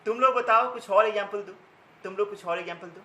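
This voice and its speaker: Bright, high-voiced male physics teacher. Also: quick pace, roomy sound, poor audio. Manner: repeats key terms and asks students questions; mixes Hindi with English terms. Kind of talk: classroom lecture.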